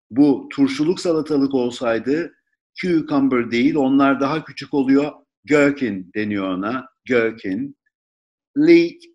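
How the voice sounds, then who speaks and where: A man teaching a vocabulary lesson, saying each word slowly and repeating it for pronunciation. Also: medium pitch, darkish tone. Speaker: English teacher.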